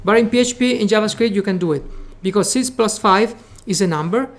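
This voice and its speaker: Speaking fairly quickly in a mid-range voice, a Caribbean native Spanish speaker teaches a live coding session with his regional accent. He goes step by step, encourages the students, and keeps returning to "okay" and "remember."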